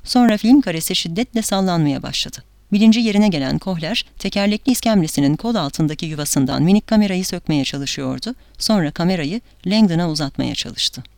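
Woman, audiobook narration, dramatic, measured, dry close sound. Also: fairly low pitch, animated, vocal fry, darkish tone, dry recording.

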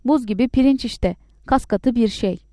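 A woman voicing a furious, sharp-tongued poor peasant wife who scolds loudly in a raised, shrill voice. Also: moderate pace, no room sound, clean studio sound, lightly acted. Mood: scornful.

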